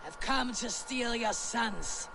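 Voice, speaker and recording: A woman's voice: a little high, slow, gravelly, heavy background noise, full character voice. A woman playing a dry, wry and bold Viking raider in a video game. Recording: game ambience behind.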